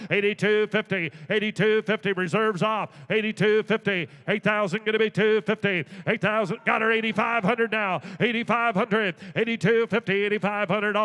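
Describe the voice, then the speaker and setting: A man's voice: sits high, fairly bright tone, smooth. A man working as an auctioneer, chanting bids in a rolling, repetitive patter with folksy asides. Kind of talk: rapid rhythmic auctioneer chant, calling bids. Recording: echoey auction hall with long reverb.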